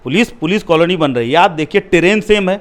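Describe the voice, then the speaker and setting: High-voiced man arguing forcefully. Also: lively intonation, brisk. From India. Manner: argues forcefully, rising loud when challenged. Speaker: political candidate. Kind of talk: heated political interview.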